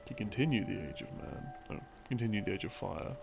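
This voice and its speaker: An audio roleplay performer plays a boyfriend, improvising rambling, intimate storytelling about game lore. His voice is on the low side and animated, with vocal fry, and he halts and muses as his thoughts trail off. Slow game theme music plays behind him.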